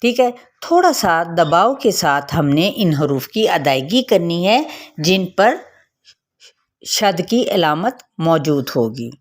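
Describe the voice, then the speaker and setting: A woman's voice: lowish voice, sing-song, slow. A woman teaching Quran reading, patiently explaining the rules and modelling each sound for her student. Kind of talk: step-by-step recitation lesson.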